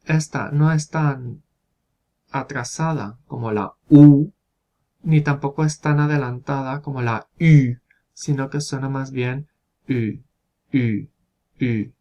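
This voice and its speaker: A man's voice: mid-range voice, fairly even intonation, takes it slowly, mellow, dull audio. A man teaching phonetics in a recorded video lesson. He explains step by step, demonstrates sounds aloud and keeps checking in with his listeners. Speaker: phonetics instructor.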